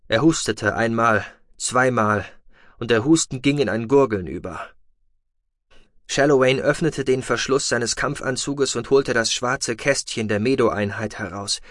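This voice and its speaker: A man's voice: lowish voice, no echo, studio quality. Man narrating a sci-fi audiobook. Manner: steady, even storytelling.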